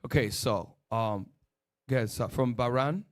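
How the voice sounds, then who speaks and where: A man's voice: mid-range voice, slow pace. A man leads a religious teaching session, firing rhetorical questions and short commands to an assistant. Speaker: religious teacher leading a discussion.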